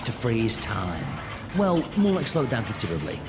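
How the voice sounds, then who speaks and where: Eccentric male alien adventurer played by an actor, hugely animated pitch swings, theatrical and commanding, music behind, audio drama. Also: normal speed. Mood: exuberant. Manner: theatrical, excitable, swooping. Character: eccentric time-travelling alien adventurer, exuberant, brisk, commanding.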